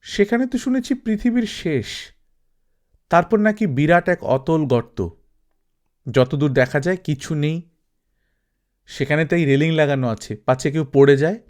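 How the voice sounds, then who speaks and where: A man reading aloud, voicing a playful, quick-witted young Afghan woman who teases with questions. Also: a little high, animated, darkish tone.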